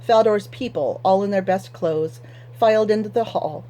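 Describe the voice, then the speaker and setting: A woman reading a fantasy novel aloud for a fan book club in a measured storytelling manner. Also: mid-range voice, mellow, slight background noise. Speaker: audiobook reader.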